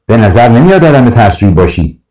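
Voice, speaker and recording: A man's voice: mid-range voice, big pitch swings, dark tone, far from the mic, close to an everyday voice, rough recording. A man voicing a mysterious rider sent from the sea in a storybook, speaking formally and with command.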